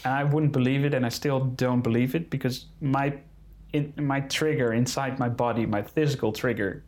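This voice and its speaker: A man's voice: medium pitch, fairly even intonation, moderate pace, darkish tone. A man who is not a native English speaker, answering interview questions in careful English and searching for words. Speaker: conservation photographer being interviewed.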